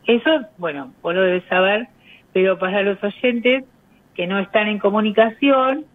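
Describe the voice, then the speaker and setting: A woman talks through a tinny, phone-like line as a radio guest. Her voice sits at a middling pitch. She explains step by step, often hesitating with filler sounds. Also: unhurried. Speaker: communication specialist guest.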